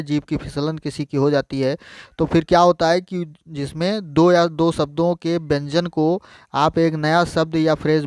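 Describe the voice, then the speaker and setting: Male teacher, fairly high, crisp tone, dry close mic, repetitive explainer for exam prep. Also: dry recording. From India. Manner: explains each point by repeating it in Hindi, addresses viewers as friends.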